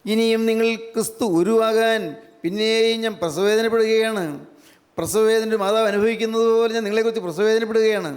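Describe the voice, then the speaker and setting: A man preaching a sermon, emphatic and repetitive, sinking into hushed fervent prayer. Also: high voice, steady tone, fairly quick. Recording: long hall reverb.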